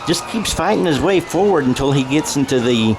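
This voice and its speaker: A little high-pitched and fairly quick, an American man's voice carries lively intonation as he does conversational, radio-style football play-by-play live. He thinks aloud and corrects himself, with noisy outdoor game sound behind him.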